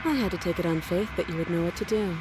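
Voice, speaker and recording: An actress playing a calm, eerie princess in a game, composed and deliberate in her speech. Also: lowish voice, background noise, natural voice. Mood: calm gratitude. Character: calm, eerie princess, a talking severed head.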